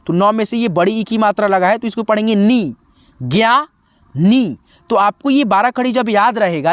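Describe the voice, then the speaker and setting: A man's voice: high-pitched, no room sound. A man teaching Hindi as a video lesson, reciting syllables one at a time and coaxing viewers to practice. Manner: chants syllables one by one, then coaxing and repetitive asides.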